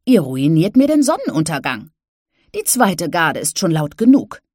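A woman's voice: lowish voice, sing-song, moderate pace, a little mellow, no room sound, studio quality. A woman voicing a grumpy grandmother in an audiobook. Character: grumpy grandmother shouting from outside.

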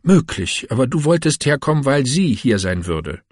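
A man voicing an anxious, jealous young wife in an audiobook reading, his husky voice pleading and insistent. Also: mid-range voice, very animated, normal speed, a little mellow, no echo, studio quality, voice pushed up. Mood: accusing.

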